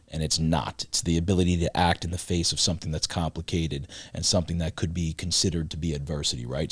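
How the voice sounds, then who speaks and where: A man with a very deep voice hosts the conversation and answers his guest with affirming, preachy encouragement. The sound is dry and close, with nothing of the room in it. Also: breathy edge, no room sound. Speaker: podcast host. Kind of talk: casual interview chat.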